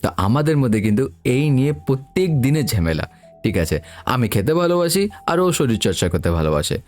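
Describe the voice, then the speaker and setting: A man's voice: medium pitch, sing-song, a little fast, darkish tone, faint music behind. A man who tells a first-person story in a chatty way and speaks straight to his listeners. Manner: chatty, addresses listeners directly. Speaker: podcast storyteller.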